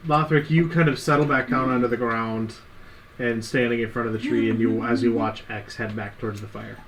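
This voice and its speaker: A man running a tabletop game as game master, calmly describing scenes and asking for dice rolls. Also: medium pitch, fairly quick, background noise. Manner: calm, descriptive narration with casual fillers. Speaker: dungeon master.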